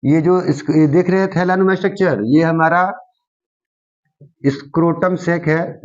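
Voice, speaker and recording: High-voiced male teacher on dull audio. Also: a little mellow. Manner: repeats key terms and quizzes the viewer with "what is it called?". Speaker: science teacher. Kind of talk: explaining a diagram in a class lesson.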